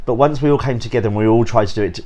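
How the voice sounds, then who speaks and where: A man's voice: mid-range voice, very fast, warm tone. A man stage actor chatting enthusiastically in a casual interview. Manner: enthusiastic, laughs easily.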